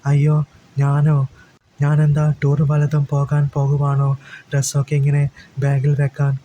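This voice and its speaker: A man voicing a cheeky younger brother playing innocent, in a flat delivery. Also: fairly high pitch, moderate pace, a little hiss or hum, lightly acted, low-quality recording.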